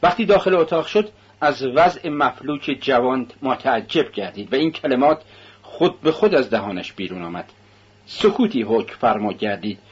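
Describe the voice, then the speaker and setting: A man reads a novel aloud in a measured, husky mid-pitched voice. His delivery is steady and deliberate. The recording sounds dull and lo-fi. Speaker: audiobook narrator. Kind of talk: scripted narration.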